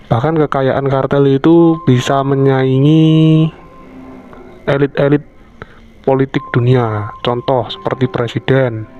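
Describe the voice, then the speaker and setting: Bassy man over prominent music. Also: darkish tone. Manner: informal, crude, addresses viewers often. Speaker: YouTube host. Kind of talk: casual video commentary. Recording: dull lo-fi audio, music behind. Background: prominent background music.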